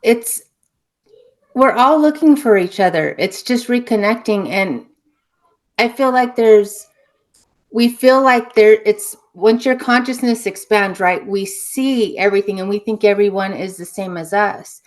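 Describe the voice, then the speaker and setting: A woman from New Mexico speaks as a podcast guest, recounting her life story. She sounds earnest and reflective, with a mid-range voice that often trails off softly. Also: medium pitch, unhurried. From New Mexico, USA. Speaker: guest, spiritual healer. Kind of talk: casual interview storytelling.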